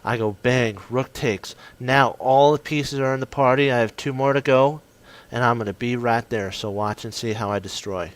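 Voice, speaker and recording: A man walking through one of his own chess games, excitable and punchy, often stopping to correct himself. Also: mid-range voice, normal speed. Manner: excitable, self-correcting, punchy short phrases. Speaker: chess commentator. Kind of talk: casual game commentary.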